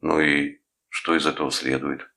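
Man reading as defiant teen boy, curt replies, very low gravelly voice; audiobook. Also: animated, normal speed, bright, forceful tone, exaggerated voice. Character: sullen stubborn teenage boy.

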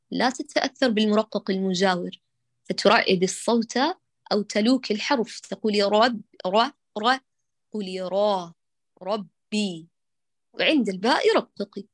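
A woman teaching Quran recitation to a student, patiently correcting her and stretching out sounds slowly to show how they should be said. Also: medium pitch, expressive, breathy edge, no room sound. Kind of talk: one-on-one recitation coaching.

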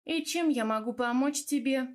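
A woman's voice: high-pitched, moderate pace, voice pushed up, close to an everyday voice. A woman voicing a sly, sarcastic female neighbor with a teasing manner in an audiobook. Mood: mocking. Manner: mocking, teasing.

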